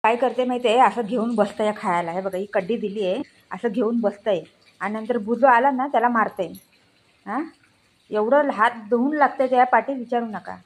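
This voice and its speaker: Woman cooing at her pets. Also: moderate pace. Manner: coaxing, talks to pets in high baby-talk. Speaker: pet owner filming her pets. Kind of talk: casual home video chat.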